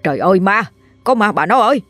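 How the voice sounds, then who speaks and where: A frightened middle-aged husband from a country village, stammering, voiced by a woman. The voice sits low and steady, with soft music under the storybook reading. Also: brisk, no echo. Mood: terrified. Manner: stammers when scared.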